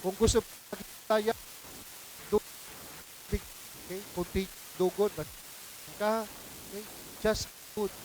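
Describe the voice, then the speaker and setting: A man's voice: high-pitched, little pitch movement, slow pace, pauses often, darkish tone. A man with a Filipino accent, a priest giving a homily in a conversational style, mixing languages and asking the congregation questions. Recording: hissy noisy recording.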